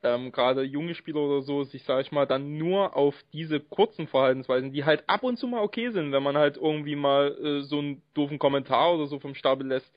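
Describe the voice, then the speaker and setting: Man, podcast host, slightly high voice, measured and hedging, dull lo-fi sound. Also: no echo. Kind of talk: casual podcast chat.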